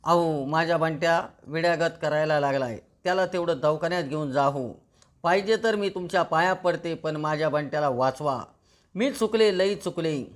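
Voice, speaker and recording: A man's voice: fairly high pitch, moderate pace, lightly acted. A man voicing a desperate pleading village aunt. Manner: pleading, scolding.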